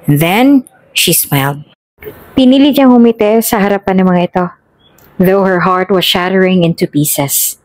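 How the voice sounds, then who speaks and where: A woman narrating a scripted drama story in a steady, measured reading. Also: mid-range voice, no room sound.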